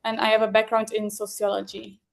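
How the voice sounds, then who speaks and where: A woman's voice: mid-range voice, monotone, brisk, vocal fry. A woman from Belgium briefly introducing herself and organizing a group call. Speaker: intern, group spokesperson.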